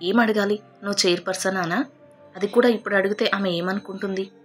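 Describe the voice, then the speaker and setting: A woman's voice: mid-range voice, fairly even intonation, fairly quick, faint music behind, close to an everyday voice. A woman voicing a suspicious, proud young husband in a storybook narration, pressing with indignant questions. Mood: inner turmoil.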